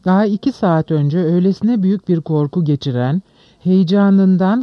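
An audiobook narrator reading a classic novel in a measured, dramatic way. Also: medium pitch, dry recording, muffled recording. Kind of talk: scripted literary narration.

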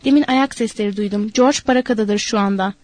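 A woman's voice: mid-range voice, quick pace, a little mellow, dry recording, lightly acted. A woman voicing a nervous, placating old male ranch hand. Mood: pleading.

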